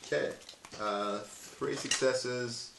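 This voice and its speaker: A man running a tabletop role-playing game as game master, in a relaxed, rules-checking way. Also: medium pitch, very slow. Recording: echoey room with clear background noise.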